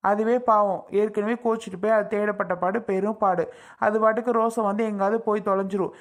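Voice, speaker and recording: A woman's voice: mid-range voice, flat delivery, fairly quick, natural voice. A woman playing an exasperated, scolding husband. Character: irritated husband defending his mother. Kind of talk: family skit acting.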